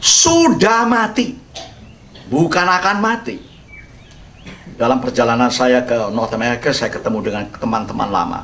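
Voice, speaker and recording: An older man, a pastor, giving an expository sermon as a humorous, animated storyteller who sprinkles in English words. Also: medium pitch, normal speed, distant mic, slight background noise.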